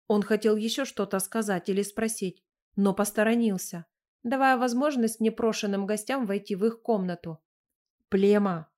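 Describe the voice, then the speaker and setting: A woman narrates a detective novel in a steady, measured reading voice. Her pitch sits in the middle range, and she keeps the narration even and unhurried. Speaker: audiobook narrator. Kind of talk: scripted narration.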